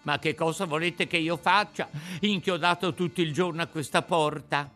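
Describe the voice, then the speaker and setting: A man voicing Pinocchio, an impatient boy wooden puppet who pleads in a raised, excited voice. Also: on the high side, normal speed, soft background music, pitched above the performer's own voice, close to an everyday voice. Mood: pleading.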